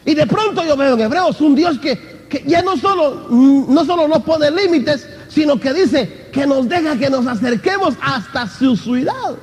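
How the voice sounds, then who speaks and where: A man's voice: very high-pitched, lively intonation, unhurried, a little mellow. A man preaching an impassioned sermon as pastor, addressing the congregation again and again as brother. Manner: impassioned preaching, often calling out "hermano". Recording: long hall reverb.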